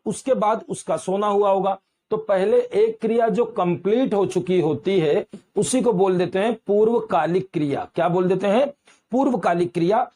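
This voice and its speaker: A man's voice: high voice, a little mellow. A man teaching grammar, dictating examples word by word and repeating key points patiently. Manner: explains patiently and repeats key terms as questions. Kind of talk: classroom-style grammar lesson.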